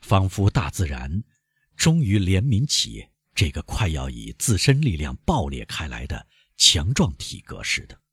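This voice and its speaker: A man narrates a classic novel in a deep, husky voice. He reads slowly and lets the pitch swing widely for drama. The sound is dry and close. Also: no echo. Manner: measured, expressive storytelling. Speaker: audiobook narrator. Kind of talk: slow scripted narration.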